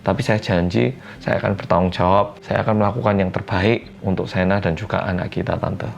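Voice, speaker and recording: A man's voice: deep voice, steady tone, vocal fry, dull audio. A man voicing a polite, apologetic young man in his mid-twenties who speaks humbly. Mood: pleading. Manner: slow, humble, deferential.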